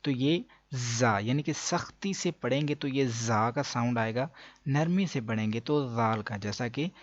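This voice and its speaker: A man teaching the pronunciation of Arabic letters in a lesson, pausing to stretch out each letter sound. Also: mid-range voice, dry recording, muffled recording. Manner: patient, drawn-out letter demonstrations.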